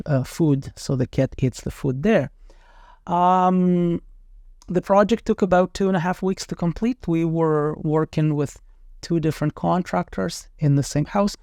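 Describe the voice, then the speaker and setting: A man narrating an informal project review as a renovation company representative, speaking in a somewhat halting way with self-corrections. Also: a little high, mellow, clear, resonant tone, dry recording, clean studio sound.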